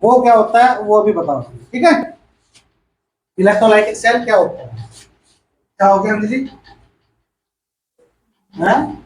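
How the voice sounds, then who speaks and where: A man's voice: sits high, expressive, measured pace, pauses often, slight background noise. A male chemistry teacher gives a classroom lecture. He repeats each point and quizzes the class as he goes. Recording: echoey room, far from the mic.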